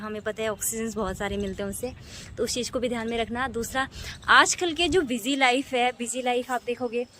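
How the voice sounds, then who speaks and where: A woman's voice: on the high side, a bit bright. Chatty woman vlogging on a windy rooftop. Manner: chatty, repeats phrases, frequent tag questions. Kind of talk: casual vlog chat. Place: rooftop outdoors, wind and rain. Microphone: phone camera, no external mic.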